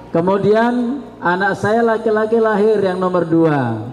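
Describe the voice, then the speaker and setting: A man in his fifties, an Islamic studies lecturer from South Sumatra, talking to students in a slow, chatty, joking way. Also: fairly high pitch, a little mellow. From South Sumatra, Indonesia. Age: 50s. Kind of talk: classroom talk to students. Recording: reverberant hall with faint background noise.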